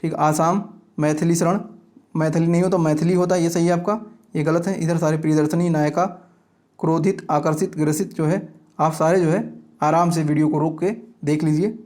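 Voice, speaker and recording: A fairly high male voice delivers a grammar lesson aimed at exam preparation. The teacher works through example words in orderly lists, frequently checking that his students are with him.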